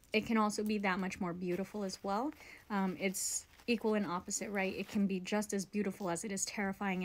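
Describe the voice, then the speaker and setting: Young woman rambling about angels, chill and chatty, tosses in "right?" a lot. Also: mid-range voice. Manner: chatty, rambling, says "like" and "right?" often, swears casually. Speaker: spiritual show host. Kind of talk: casual spiritual talk to camera.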